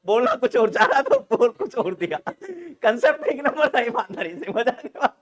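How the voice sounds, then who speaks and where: Guy teaching nursing pharmacology online, high voice, keeps laughing and ribbing the class. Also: normal speed. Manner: joking, teasing students for laughing; animated, laughs often.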